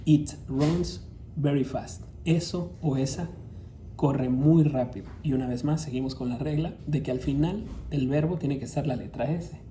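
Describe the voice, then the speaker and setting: A man with a Latin American Spanish accent teaches a recorded grammar lesson, walking through each rule patiently. His voice is very dark and mellow. Faint room hum sits behind him. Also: medium pitch. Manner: patient, explains step by step, reads English examples slowly. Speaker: English teacher.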